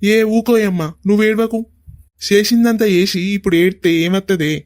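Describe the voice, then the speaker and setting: A man's voice: sits high, moderate pace, no echo, studio quality, close to an everyday voice. A man voicing a hot-tempered, bossy young village son in a cartoon, with a Telangana Telugu accent. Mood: angry. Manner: angry, bossy shouting. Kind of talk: cartoon voice acting.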